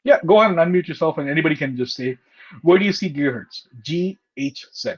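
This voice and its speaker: A man's voice: a little high, expressive, fast. A man teaching a live online computer class over a video call. He explains step by step and keeps checking in with "okay?" and "right?". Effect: heard over a video call. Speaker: computer course instructor. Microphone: laptop or headset mic on a video call. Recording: muffled video call audio.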